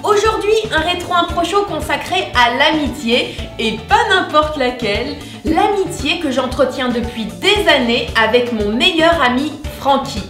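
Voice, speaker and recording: A woman's voice: sits high, lively intonation, a little slow, a bit bright. A woman host giving a playful scripted introduction to her show. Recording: roomy echo, music behind.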